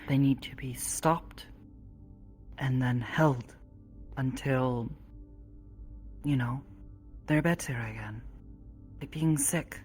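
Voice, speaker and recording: A woman speaking in character in a roleplay, calm and measured, slowing down to make her points. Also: a bass voice, faint music behind. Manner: calm, measured, slow when making a point. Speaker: roleplay player.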